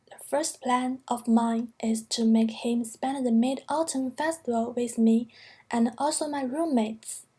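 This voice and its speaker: A young woman from China with a Chinese accent, a student reading a prepared narration in a careful, measured way. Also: on the high side, a little mellow, husky.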